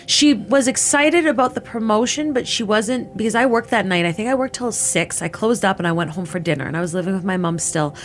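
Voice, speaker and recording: A woman's voice: medium pitch, animated, fairly quick, hardly any pauses, slight background noise. A Canadian woman in her thirties giving personal testimony in a casual, filler-heavy way, often quoting herself. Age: 30s. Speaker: interviewee.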